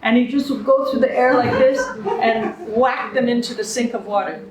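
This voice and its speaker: A fairly high-voiced older woman, in her seventies, sharing stories with a small gathering. She talks in a chatty way, laughs easily and acts out the lines of the people in her tales. The sound is roomy, with echo off the walls. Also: moderate pace, crowd noise. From Canada. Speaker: guest speaker. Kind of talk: anecdotal storytelling to a small group. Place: room with a small live audience. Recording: echoey room.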